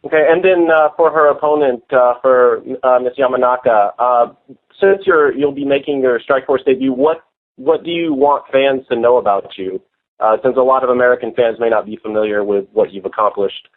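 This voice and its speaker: Male reporter, average pitch, informal questioning delivery, narrow-band telephone sound. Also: normal speed. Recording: muffled phone conference line.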